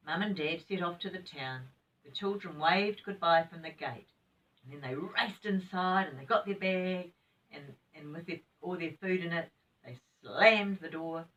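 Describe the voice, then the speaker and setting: A sweet older woman with a New Zealand accent, reading a children's story in a gentle, expressive grandmotherly way with chatty asides. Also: fairly low pitch, far from the mic, muffled recording.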